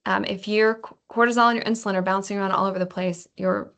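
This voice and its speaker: A woman presenting a health webinar in a relaxed, chatty way, often restarting her sentences. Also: mid-range voice, fast. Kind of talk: casual webinar lesson.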